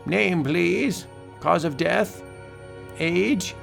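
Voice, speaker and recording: A man's voice: sits high, extremely slow, gravelly, a bit bright, soft background music, voice pushed up, heavily acted. A man voicing a stern, menacing spirit official with a barking, theatrical manner, in a vintage horror comic book narration. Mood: stern, suspicious.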